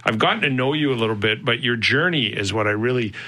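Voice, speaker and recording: A man's voice: mid-range voice, animated, fast, bright, forceful tone. A man hosting a radio interview show, chatty and upbeat, with fillers and restarts. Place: radio studio.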